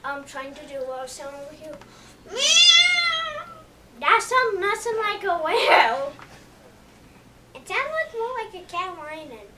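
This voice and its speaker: A young woman chatting casually in a movie review, excitable and emphatic, leaning hard on "literally". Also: high voice, normal speed, distant mic, heavy background noise.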